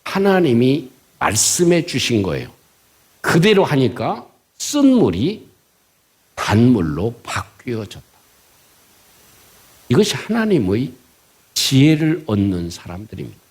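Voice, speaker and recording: A man's voice: mid-range voice, huge pitch swings, slow pace, pauses often, darkish tone. A man, a pastor, preaching a sermon. He asks rhetorical questions and leads the congregation in reading aloud.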